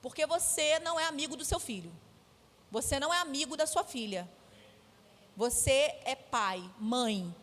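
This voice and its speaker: A woman's voice: sits high, expressive, normal speed, a bit bright. A woman with a Brazilian Portuguese accent, preaching a sermon in a firm, emphatic, conversational way. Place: church sanctuary. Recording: echoey church hall.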